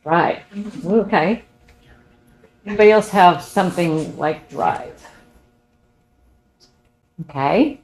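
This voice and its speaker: A woman with a somewhat low voice leads a board retreat in a meeting room. She sounds upbeat and encouraging, prompting the group and thinking out loud as she goes. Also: slow pace, pauses often, poor audio. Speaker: retreat facilitator. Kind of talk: guiding a group discussion.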